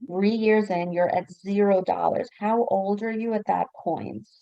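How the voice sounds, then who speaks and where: A woman with a dark, gravelly voice moderates a webinar interview over a video call. She probes her guest with questions and sums up the numbers for the listeners. The audio is a little muffled and lo-fi. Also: mid-range voice, a little slow, dry recording. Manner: probing, recaps figures for the audience. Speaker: webinar host.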